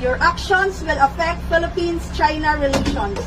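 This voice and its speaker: A woman's voice: sits high, moderate pace. A woman as a coast guard radio operator reading a formal, scripted challenge over a marine radio transmission. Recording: distant radio with loud noise.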